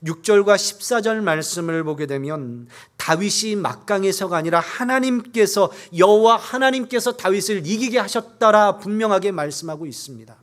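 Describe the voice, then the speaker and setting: A man preaching a Sunday sermon as a pastor, earnest, building up at key points and reading scripture aloud in a measured cadence. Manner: earnest preaching, rising in force at key points then dropping low.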